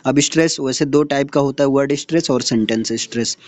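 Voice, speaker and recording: A man's voice: mid-range voice, fast talker, darkish tone, dry recording. A male teacher giving an exam-prep lecture from slides, explaining step by step and often checking in with his students.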